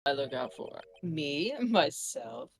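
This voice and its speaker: A woman's voice: low-pitched, lively intonation, slow, a little hiss or hum. A woman voicing a smug, jovial middle-aged male police chief in a fan game playthrough, drawing out her lines in a teasing way.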